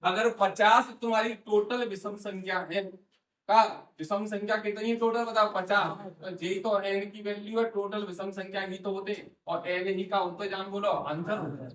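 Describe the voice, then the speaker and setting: Here a male maths teacher coaxes and quizzes his class, repeating each answer they give. Recorded from a far-off mic in a roomy, echoing space, his high voice is a bit bright, steady in tone, and moderately paced.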